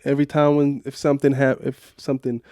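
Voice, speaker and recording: A young man from Switzerland tells a story in a casual podcast interview. His voice is mellow and dark, and he acts out what others said. The sound is close and dry. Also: medium pitch, fast, no room sound. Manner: animated storytelling with acted-out quotes. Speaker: guest, professional basketball player.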